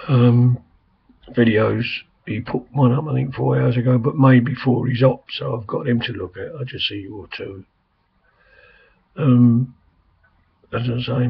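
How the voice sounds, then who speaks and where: An older man, hoarse and coughing, rambling chattily with lots of fillers in a casual video message from a quiet room at home. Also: medium pitch. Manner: rambling, chatty, frequent "I mean" and "um". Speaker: vlogger. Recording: dull lo-fi home recording.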